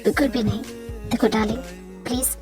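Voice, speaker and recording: A woman voicing a gentle young husband who comforts his wife in soft, soothing tones in a fan-dubbed romantic audio drama. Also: a little high, fairly even intonation, brisk, faint music behind, pitched below the performer's own voice, natural voice. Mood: reassuring.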